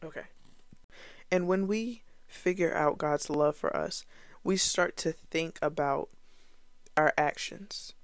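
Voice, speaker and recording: A woman's voice: sits low, slow pace, no room sound. A woman giving a casual Bible teaching to her viewers, earnest and conversational, with fillers and restarts along the way.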